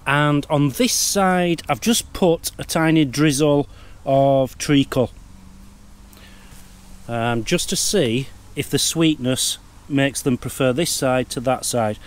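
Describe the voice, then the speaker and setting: Casual male wildlife vlogger, mid-pitched, chatty and eager, recorded outdoors in woodland. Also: slow. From United Kingdom. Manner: chatty, easily excited. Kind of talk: casual outdoor vlog narration.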